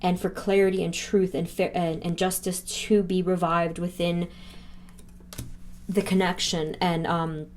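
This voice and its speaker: A woman's voice: fairly low pitch, flat delivery, measured pace, a little mellow. A woman giving a pick-a-card tarot reading, earnest and emotional, often exclaiming in wonder as she talks through the cards. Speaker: tarot reader.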